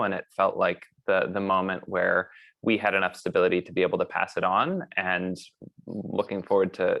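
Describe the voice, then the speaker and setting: Deep, gravelly man on a panel. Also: no room sound, muffled recording. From New Mexico, US. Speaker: panelist, MSx student. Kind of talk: panel answers.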